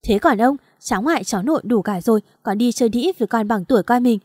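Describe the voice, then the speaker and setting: Giọng nữ đọc bà già chua ngoa gào thét. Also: female voice, fast, darkish tone, no echo, clean studio sound, natural voice. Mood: bitter. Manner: shrill, wailing accusations. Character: bitter older woman, shrewish and hysterical.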